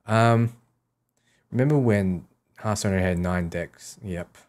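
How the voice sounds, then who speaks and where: His low, slightly mellow voice moves at a slow pace as he streams a game and reads out questions. The man answers casually and offhand, repeating short sentences as he goes.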